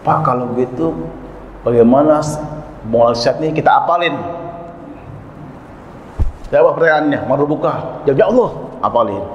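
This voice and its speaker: A man delivering a lively sermon, telling stories with acted quotes and chuckles. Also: fairly high pitch, normal speed, long pauses. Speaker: preacher. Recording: echoey hall, dull lo-fi sound, faint noise.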